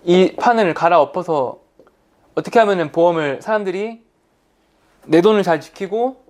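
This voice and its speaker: A man giving an online lecture on insurance, talking in an animated, colloquial way and repeating key words for emphasis. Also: sits high, moderate pace. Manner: animated, acts out salespeople's lines in quotes.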